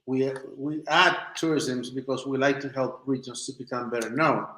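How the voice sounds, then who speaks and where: A man with a medium-pitched, bright and forceful voice speaks at a moderate pace with fairly even intonation, searching for words as he goes. He is a documentary maker from Chile and southern Spain, a native Spanish speaker, giving informal conversational answers as an interview guest. The recording sounds roomy and echoey.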